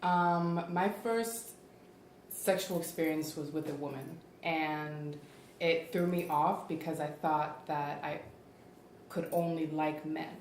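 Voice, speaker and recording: Reflective low-voiced young woman. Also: steady tone. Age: 20s. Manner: slow, reflective, soft-spoken. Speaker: guest. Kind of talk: casual group chat. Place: studio room with a table of friends. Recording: roomy echo, faint hiss.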